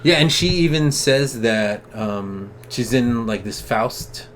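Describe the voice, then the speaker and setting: A man's voice: medium pitch, animated, takes it slowly. A man co-hosting a casual comic book discussion, enthusiastic and slangy. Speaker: comic book podcast co-host. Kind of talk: casual chat.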